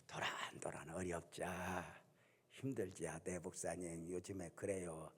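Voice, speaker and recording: A man's voice: on the high side, animated, a little fast, husky, pitched above the performer's own voice. A man acting out a chatty, plain-spoken middle-aged woman who sells vegetables at a street stall, in a church hall with long reverb. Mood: soft-spoken. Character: hard-working middle-aged woman market vendor.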